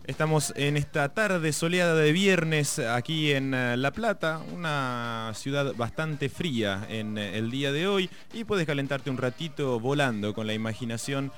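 A man's voice: mid-range voice, a little slow, few pauses, a bit bright, faint music behind. A man hosting live radio in a casual, conversational and slightly hesitant way. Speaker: radio host.

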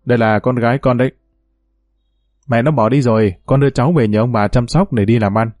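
A man reading a storybook and voicing a kind young man in a gentle, soothing way. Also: medium pitch, fairly quick, no echo, studio quality, faint music behind, natural voice. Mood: teasing.

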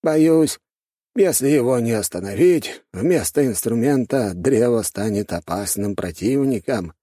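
Murmuring old elder in green, slow and husky, pitched up by the narrator; audiobook. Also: male voice, lively intonation, warm tone, no echo, studio quality. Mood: ominous.

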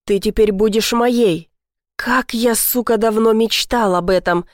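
A woman's voice: fairly high pitch, dry recording, lightly acted. Fanatical possessive kidnapper in a storybook reading, read by a woman, fervent, dry. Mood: obsessive. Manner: fervent and possessive, slow in outbursts. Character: obsessive possessive male kidnapper.

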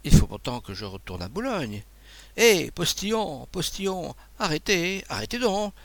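A man reading the part of an excitable, kindly abbé who stammers and pleads in a flustered way. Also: on the low side, fairly quick, no echo. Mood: alarmed. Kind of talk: audiobook dialogue.

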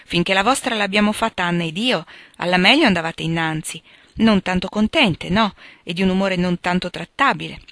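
A woman voicing a gentle, wise mother who speaks in a patient, instructive tone, in a dry recording. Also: on the low side, brisk, dry recording.

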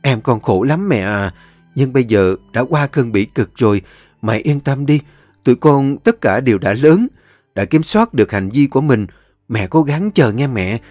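Man playing elder sister, gentle, coaxing, dry sound, faint music behind. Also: mid-range voice, lively intonation, normal speed, dry recording, close to an everyday voice. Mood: reassuring. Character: caring elder sister, reassuring.

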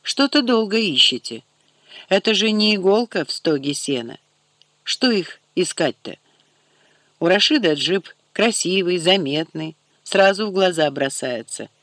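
A man voicing a sharp-tongued, stubborn young woman who answers with sarcasm. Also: high voice, expressive, unhurried, no room sound, exaggerated voice. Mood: sarcastic.

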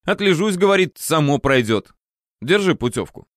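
A man's voice: fairly high pitch, big pitch swings, normal speed, no room sound, studio quality, voice pushed up. A man voicing an overly cheerful male truck mechanic who greets a driver in a chummy, overly glad way.

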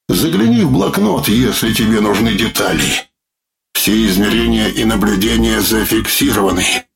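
A male narrator voicing a severed living head that speaks in a droning, metallic, gravelly voice, slow, pained and coldly mocking. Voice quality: droning metallic voice, lacking naturalness; gravelly, low. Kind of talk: audiobook character voice.

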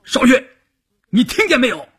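A man voicing a hot-tempered army commander who shouts in anger, in a storytelling broadcast. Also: extremely high pitch, wildly swooping pitch, normal speed, husky, pitched above the performer's own voice, heavily acted. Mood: furious. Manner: shouting angrily.

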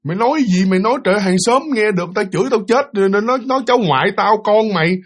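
A man's voice: high voice, fast, pitched above the performer's own voice. Man doing a scolding old grandmother. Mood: indignant. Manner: blunt, exasperated scolding. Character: scolding elderly grandmother, brusque and defensive.

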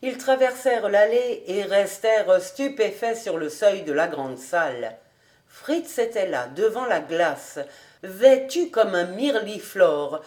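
Slow, measured French woman reading aloud. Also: medium pitch, lively intonation, darkish tone. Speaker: audiobook reader. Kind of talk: audiobook narration of a classic novel.

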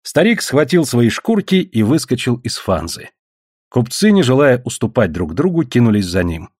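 A man narrating an audiobook in an expressive storytelling manner. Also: medium pitch, normal speed, husky, dry recording, clean studio sound. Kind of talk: scripted narration.

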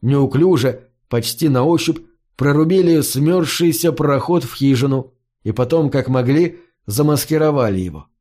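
A man narrating a first-person fantasy audiobook in a measured, somber storytelling manner. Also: medium pitch, a little mellow.

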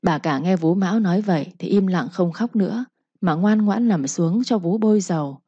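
A woman narrates a story in a calm, steady way. Her voice is low, dark and husky. It is close and dry, in a dull, muffled recording. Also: moderate pace, no echo.

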